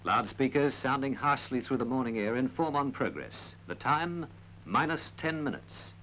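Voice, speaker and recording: A man reading a scripted 1960s documentary narration in a formal, measured, dramatic way. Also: medium pitch, expressive, sharp tone, slight background noise. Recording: dull, band-limited 1960s film soundtrack.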